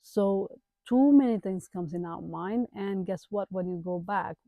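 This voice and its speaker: Here the Kathmandu page owner and digital entrepreneur, a Nepali-accented woman in her thirties, uses a mid-range voice at a measured pace. Her self-introduction vlog is casual and aimed directly at viewers, punctuated by emphatic asides, with no room sound and a narrow, tinny quality.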